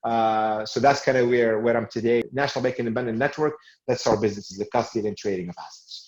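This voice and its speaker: A man's voice: mid-range voice, quick pace, a little mellow. A man from Tunisia in his forties answers interview questions, often restarting with fillers along the way. His voice sits in a middle register. The recording sounds roomy and a little dull, like a lo-fi call. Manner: hesitant, many fillers and restarts. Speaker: guest, sales manager in finance.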